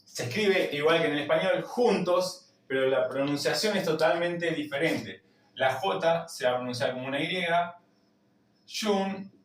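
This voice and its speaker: A man with an Argentine accent teaching a language lesson, repeating each word slowly to drill its pronunciation. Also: on the high side, roomy sound, recorded from a distance. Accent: Argentine Spanish. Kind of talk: slow spoken lesson.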